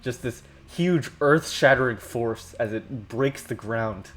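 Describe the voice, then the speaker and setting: A man as game master, improvising narration for a tabletop game in a halting way, often repeating words. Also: mid-range voice.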